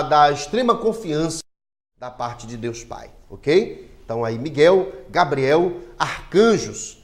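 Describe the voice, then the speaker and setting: A man's voice: on the high side, a little mellow. A man with a Brazilian Portuguese accent, a pastor teaching a Bible lesson, who reads verses aloud with emphasis and keeps checking in with his listeners.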